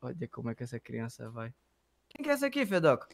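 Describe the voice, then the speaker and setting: A woman's voice: very deep voice, big pitch swings, fast, gravelly. A woman with a Brazilian accent in a role-play game, teasing and swearing casually. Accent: Brazilian Portuguese.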